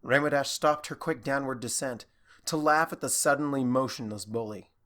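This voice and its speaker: A man narrating a fan fiction audiobook in a steady, even storytelling manner. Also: mid-range voice, moderate pace.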